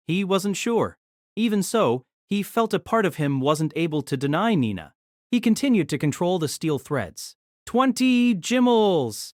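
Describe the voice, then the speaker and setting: Reading a novel aloud, a low-voiced woman tells the story at a steady, even, measured pace and also voices the male lead's lines. The recording is dry and close-miked, with no echo.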